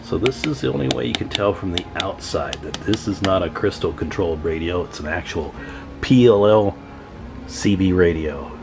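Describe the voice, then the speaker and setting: A radio repair channel host tinkers at an indoor workbench, giving viewers casual, hands-on commentary in a folksy, informal style. He speaks at normal speed, sounding animated, low, and gravelly, with background noise present.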